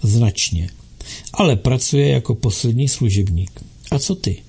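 A man's voice: medium pitch, lively intonation, gravelly, dark tone, breathy edge, exaggerated voice. A man voicing a bold, playful young noble girl who teases in a pert way. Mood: teasing. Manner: pert, teasing.

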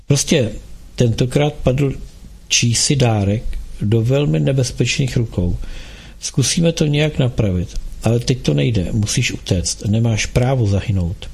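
A man voicing a calm, kind and mysterious young man in an audiobook, speaking earnestly and persuasively. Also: mid-range voice, gravelly, slightly rough. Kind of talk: audiobook dialogue.

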